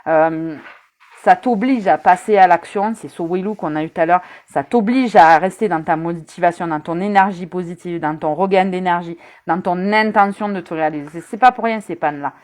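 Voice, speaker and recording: A woman's voice: fairly low pitch, moderate pace, darkish tone. A woman giving a casual live-stream rune reading, chatty and teasing, talking straight to her viewers with many hesitant fillers. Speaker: rune reader.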